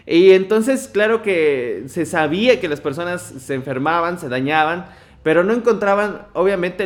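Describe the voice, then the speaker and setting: A man, explaining at length on a talk show in a rambling way with many hedges. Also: a little high.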